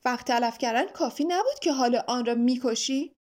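A woman voicing a stern, impatient male watchdog with a ticking clock for a body, talking in a brisk, scolding way. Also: high voice, a little mellow, close to an everyday voice.

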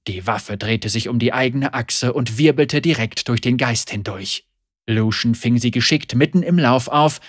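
A man narrating a German adventure story in an expressive, dramatic way. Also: mid-range voice, no room sound, clean studio sound. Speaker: audiobook narrator. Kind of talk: scripted narration.

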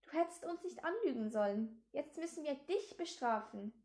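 A woman's voice: high voice, lively intonation, moderate pace, darkish tone. A woman voicing a bossy young gang leader who taunts and threatens in a storybook reading. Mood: taunting.

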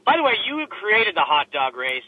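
A man co-hosting a casual sports chat over a low quality remote stream from a laptop in his car, talking in a joking, chatty way with plenty of filler words. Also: big pitch swings, normal speed, narrow, tinny audio, noisy background. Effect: low quality remote stream audio. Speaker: sports podcast co-host. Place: inside a parked car. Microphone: laptop microphone.

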